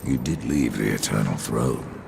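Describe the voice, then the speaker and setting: An actor playing a sardonic, cold horseman of death with a dry, gravelly voice. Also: a bass voice, expressive, a little slow, background noise, full character voice. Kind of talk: game cutscene voice acting.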